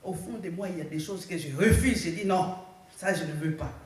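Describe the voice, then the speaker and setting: A woman pastor preaches a sermon, often calling out "Alléluia" for her congregation to answer, and they respond with "Amen". Her voice is on the low side with a darkish tone and a slightly fast pace. The recording is very echoey, with the mic far off.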